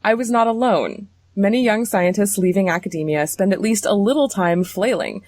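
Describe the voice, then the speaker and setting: A woman hosting a science podcast speaks in a clear, measured way at a middle pitch. She reads a personal intro, then moves into calm questions. The sound is dry and close. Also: dry recording. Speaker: podcast host and interviewer.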